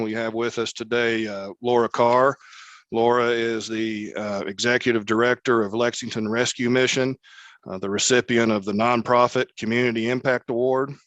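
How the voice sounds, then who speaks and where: A man moderates a panel discussion, with a flat, even delivery and frequent filler words. His voice sounds dry and close, with no room echo. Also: medium pitch, dull audio. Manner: measured, many filler words.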